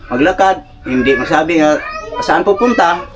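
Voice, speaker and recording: A woman's voice: low voice, background noise. A middle-aged woman with a Visayan accent, a Cebuano speaker, chatting animatedly as an interviewed mother. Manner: animated, quick to laugh and exclaim. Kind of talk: casual chat.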